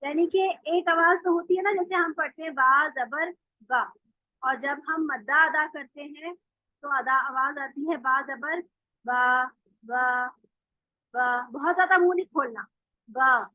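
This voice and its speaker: A woman teaching Quran recitation in an online class, patiently explaining and slowly modeling each sound. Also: high voice, sharp tone, no echo. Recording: dull dry call audio.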